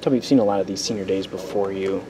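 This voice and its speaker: Quick-talking male reporter. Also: deep voice, fairly even intonation. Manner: direct, brief questions. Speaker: sports reporter. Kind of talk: interview question. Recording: noisy, off-mic.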